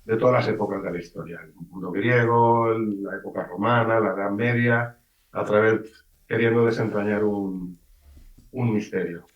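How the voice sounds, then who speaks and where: A writer from Spain's Valencia region gives a casual radio interview, telling stories lively and acting out voices in quotes. His lowish voice moves at a moderate pace, picked up far from the mic in a roomy, off-mic sound with the highs cut off.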